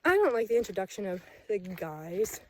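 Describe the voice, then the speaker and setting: A woman's voice: mid-range voice, sing-song, normal speed. A young woman vlogger chatting casually while walking a forest trail, rambling with self-mocking asides. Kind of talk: casual chat while hiking.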